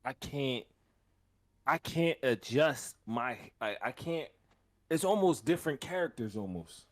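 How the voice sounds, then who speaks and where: A man's voice: mid-range voice, expressive, unhurried, no room sound. A man co-hosting a podcast, bantering casually in emphatic slang and repeating his phrases. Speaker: podcast co-host.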